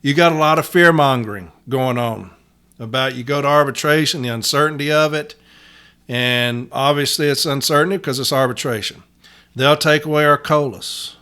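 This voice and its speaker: A man hosting a podcast, giving a gruff, blunt, profane tough-love rant in plain-spoken language. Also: mid-range voice, moderate pace, bright, forceful tone. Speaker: podcast host, union letter carrier.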